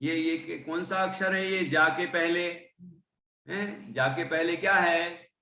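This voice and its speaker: A man teaching a religious text to students, explaining its meaning and chanting the verses slowly so they can repeat them. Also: on the high side, steady tone, sharp tone, reverberant, a little hiss or hum. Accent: Hindi speaker from Indore, central India. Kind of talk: devotional text lesson with recitation.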